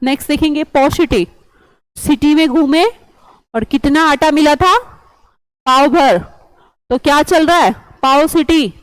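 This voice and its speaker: A high-pitched woman runs an online vocabulary lesson. She coaxes and chats, quizzing her students with memory tricks. The sound is dry and close, with no room around it. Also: moderate pace, no echo, poor audio. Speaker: English vocabulary teacher.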